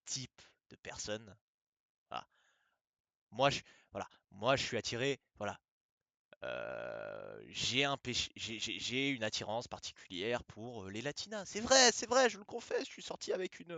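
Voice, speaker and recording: A man's voice: mid-range voice, bright, forceful tone, dry recording. A man talking in a casual monologue, emphatic and repetitive, firing off rhetorical questions.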